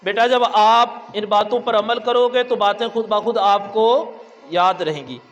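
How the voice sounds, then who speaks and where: A man's voice: high voice, muffled recording, some chatter behind. A man with a Pakistani accent giving a school assembly talk, quizzing the children, coaxing them and calling them "son", then closing in prayer. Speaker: guest religious lecturer at a school. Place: outdoor school assembly in the sun. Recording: echoey PA sound, heard from far off.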